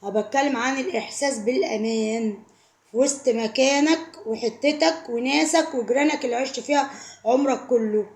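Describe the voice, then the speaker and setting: A woman's voice: sits high, fairly quick, a little mellow, reverberant. A woman with an Egyptian Arabic accent giving heartfelt, emotional advice to camera, pleading and repeating herself for emphasis. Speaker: vlogger.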